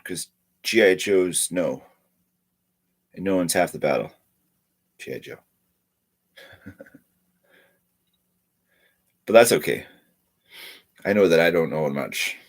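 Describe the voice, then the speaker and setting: A man's voice: low-pitched, animated, takes it slowly, long pauses. A man with a stuffy nose chatting casually on a live stream, rambling and repeating his words.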